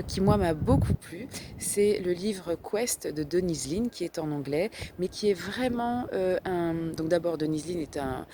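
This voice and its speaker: Une thérapeute française qui parle spontanément face à la caméra, avec beaucoup d'hésitations et de reprises. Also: female voice, lowish voice, background noise. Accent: French. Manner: hesitant, many fillers and self-corrections. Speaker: holistic therapist. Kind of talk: casual recommendation vlog.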